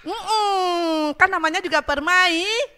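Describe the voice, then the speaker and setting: A woman's voice: extremely high pitch, slow pace, bright, forceful tone, slight background noise. A young woman hosting a children's radio show, cheerful and coaxing as she talks with small children in the studio.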